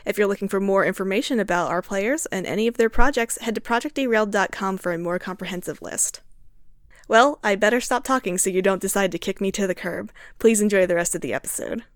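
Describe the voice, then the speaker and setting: A woman's voice: medium pitch, fast talker, dry recording. Upbeat woman host and game master, dry close sound. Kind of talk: podcast credits and promo read.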